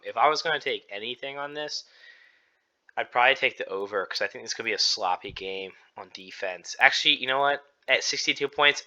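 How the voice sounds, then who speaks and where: Casting note: male podcast co-host, very bright edgy tone, rambling and laid-back, dull lo-fi sound. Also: lowish voice. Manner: rambling, laid-back, lots of fillers and self-deprecating laughs. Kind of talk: casual sports betting chat.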